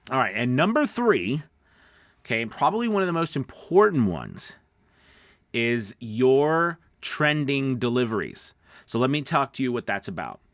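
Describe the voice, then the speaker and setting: A middle-aged man, a voice-over coach and online host, gives casual instructional talk that is emphatic and conversational, often checking in with his listeners. His medium-pitched voice swings widely and moves at a moderate pace. The studio sound is clean, with no room sound.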